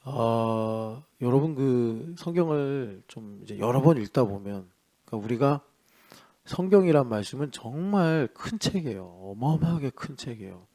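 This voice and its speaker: A male pastor preaching an early-morning sermon in a chatty way, asking rhetorical questions and swinging between loud and soft. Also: mid-range voice, expressive, moderate pace. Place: church.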